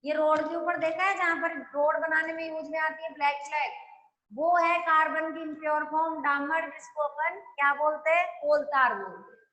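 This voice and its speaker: A woman's voice: high-pitched, fairly even intonation, moderate pace, pushed and bright. Female chemistry teacher, step-by-step lecture, echoey room. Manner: explains step by step, keeps asking the class if they follow. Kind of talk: classroom lecture.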